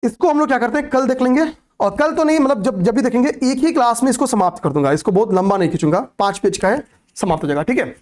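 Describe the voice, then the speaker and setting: A man's voice: extremely high pitch, expressive, fast talker, a little mellow. A man teaching an exam-prep class, who keeps repeating points, asks questions and answers them himself, and often says "okay, pay attention.". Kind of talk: classroom lecture on current affairs.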